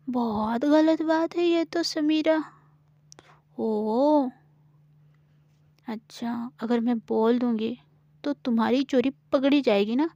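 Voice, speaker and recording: A woman's voice: high-pitched, mellow, dry recording, dull audio. Woman playing Gauri, a jittery village girl. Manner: rapid, anxious, accusing chatter. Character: scared, chattering young village girl Gauri.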